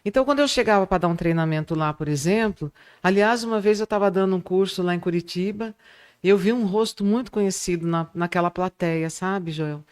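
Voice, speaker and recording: A middle-aged woman with a Brazilian accent, a public speaking teacher telling lively stories in an interview. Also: on the low side, a little fast, smooth. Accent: Brazilian Portuguese. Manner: animated storyteller, acts out quoted students. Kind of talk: interview answers, storytelling.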